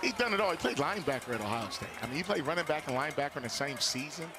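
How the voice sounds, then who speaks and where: A man's voice: fairly high pitch, expressive, rapid-fire. A man giving conversational color analysis during a live football game, explaining plays informally. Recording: clear stadium background noise. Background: outdoor stadium ambience.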